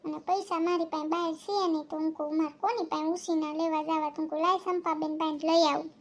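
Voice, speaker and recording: A woman voicing a sly, flattering housewife who borrows money in a cartoon, with a Kathiawadi Gujarati accent. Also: high voice, quick pace. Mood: wheedling. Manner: wheedling, flattering.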